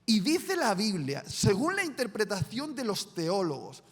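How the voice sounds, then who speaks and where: A man's voice: high-pitched, huge pitch swings, unhurried, fairly bright tone, breathy edge. A man with a Spanish accent from Spain, preaching a sermon in a dramatic storytelling way. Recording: reverberant church hall.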